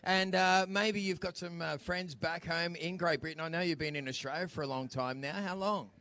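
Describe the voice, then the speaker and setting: A man interviewing at an outdoor sports event with a bright, forceful voice and a gravelly edge. He is upbeat and hypes up the crowd like an announcer. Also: on the high side, steady tone, normal speed, dry recording. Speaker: beach interviewer and presenter. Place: outdoors on a beach.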